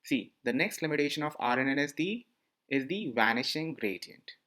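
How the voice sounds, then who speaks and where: A man with a mid-range, slightly bright voice teaches a lesson as a voice-over on a slide screencast. His intonation is lively and his pace moderate, and he tends to repeat himself and put questions to the listener.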